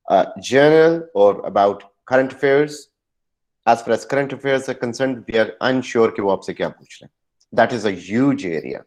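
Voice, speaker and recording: A man teaching English interview skills at a slow, deliberate pace. He moves between explanation and model answers, pressing on key words with careful stress. His voice sits at an ordinary middle pitch. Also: a little mellow. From Pakistan. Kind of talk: recorded lesson, mixing Hindi-Urdu and English.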